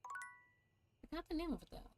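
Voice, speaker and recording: A woman giving casual gameplay commentary, thinking aloud to herself as she plays. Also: moderate pace. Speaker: game streamer. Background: game music.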